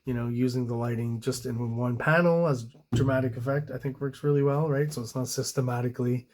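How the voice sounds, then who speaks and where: A man casually reviewing comic book art page by page, rambling, often searching for words and pausing on ums, clearly enthusiastic about what he sees. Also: mid-range voice, fairly even intonation, a little mellow.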